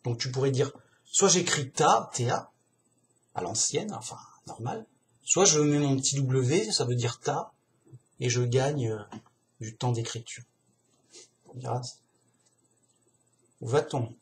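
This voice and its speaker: A man's voice: mid-range voice, slow, long pauses, slight background noise. A man musing aloud in a casual, digressive monologue, slangy and chatty, often addressing the listener as a buddy.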